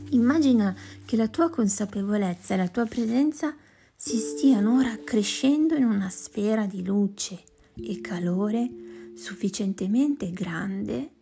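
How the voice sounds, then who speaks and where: A woman leading a guided meditation in a slow, soft voice that often sinks to a whisper. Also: mid-range voice, vocal fry. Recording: music playing behind voice. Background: plucked guitar music.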